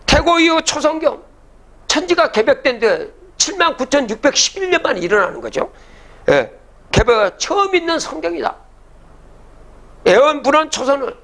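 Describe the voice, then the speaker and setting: A man's voice: very high-pitched, fairly bright tone. An older man giving a public lecture, reciting old verses and then explaining them, often asking the audience rhetorical questions.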